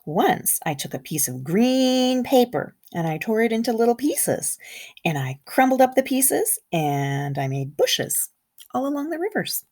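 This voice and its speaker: Her voice a little high and unhurried, a kindergarten teacher brings a picture book to life for young listeners, stopping for questions and friendly comments.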